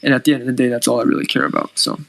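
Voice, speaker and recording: A man talks through trading advice in a relaxed, rambling way, stringing thoughts together with fillers. His voice sits in an ordinary middle range. The sound is dry and close, with little room behind it. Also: medium pitch, very fast, gravelly, no echo, low-quality recording. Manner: conversational, lots of "like" and "you know". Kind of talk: casual trading advice chat.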